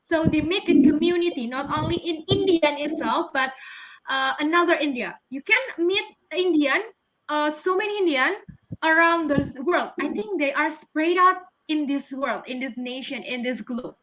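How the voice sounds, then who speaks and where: A young Indonesian-accented woman, a guest speaker and English teacher, answers webinar questions in a chatty way, laughing often and full of fillers and restarts. Her high-pitched voice moves at a moderate pace and sounds a bit bright. The low-quality recording carries a little hiss or hum.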